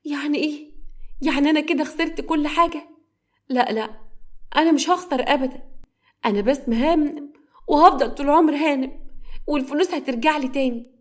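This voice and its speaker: A woman voicing a furious, desperate young wife in a frantic, shrill Egyptian Arabic voice. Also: a little fast, long pauses, natural voice. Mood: hysterical.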